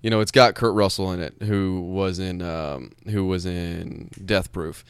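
Laid-back man with a low, smooth voice. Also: fairly even intonation, measured pace, no room sound. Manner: laid-back, profane, rambling. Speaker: podcast co-host. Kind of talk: casual chat.

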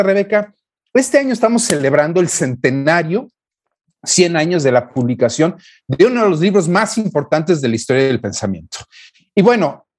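A man, a philosopher guest on a radio show, explaining ideas in a lively, joking way. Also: a little high. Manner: lively, lecturing, jokey. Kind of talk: casual radio chat and explaining.

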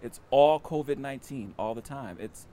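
A man's voice: mid-range voice, moderate pace, warm tone, slight background noise. A man in his fifties chatting casually as an interview guest, recorded outdoors in a backyard. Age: 50s. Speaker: interview guest, news director.

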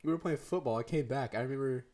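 A teenage boy co-hosts a podcast, rambling through stories in a mellow, medium-pitched voice at a quick clip. It's casual chat, and he laughs often and says "dude" a lot.

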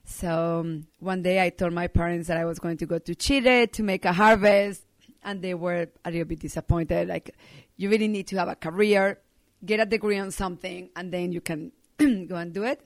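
A woman's voice: fairly low pitch, steady tone, normal speed, no room sound. A middle-aged woman from Colombia, a native Spanish speaker, talking earnestly as an interview guest, with many ums and uhs. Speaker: winemaker guest. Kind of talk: casual interview talk.

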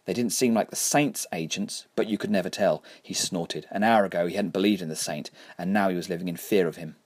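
A man narrating a story in a measured, wry way. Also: low-pitched. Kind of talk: audiobook narration.

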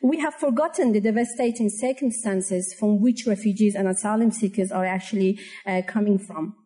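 A woman from Afghanistan giving an earnest, measured presentation as a panel speaker at a conference. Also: mid-range voice, dark tone, rough recording. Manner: earnest, measured address to an audience.

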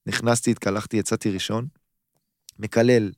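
A man's voice: lowish voice, steady tone, darkish tone, no room sound, studio quality. A man in his thirties, a footballer guest on a podcast, telling a story casually and acting out both sides of his phone calls.

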